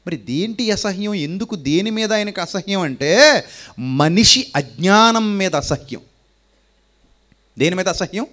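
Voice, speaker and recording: High-voiced Telugu preacher asking questions. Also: male voice, expressive, unhurried, long pauses, a bit bright. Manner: rhetorical questions, repeats lines for emphasis. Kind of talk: sermon.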